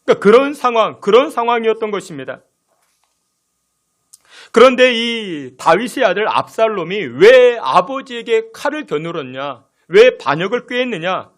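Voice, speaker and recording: A man preaching a sermon as pastor in a church, asking the congregation rhetorical questions and moving between loud emphasis and soft, low phrases. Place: church sanctuary.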